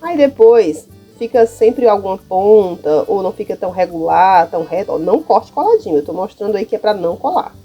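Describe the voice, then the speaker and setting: A woman's voice: mid-range voice, lively intonation, brisk, few pauses, breathy edge, highs cut off, soft background music. A Brazilian woman teacher with a Brazilian Portuguese accent, walking through classroom material in a casual, chatty way and often checking in with her listeners. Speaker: primary school teacher. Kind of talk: casual how-to demonstration.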